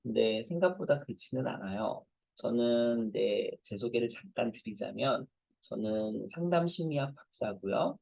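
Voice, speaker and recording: A man's voice: mid-range voice, animated, moderate pace, vocal fry, darkish tone, breathy edge, no echo, rough recording. A man in his forties, a professor, giving a conversational lecture to parents and telling self-deprecating stories.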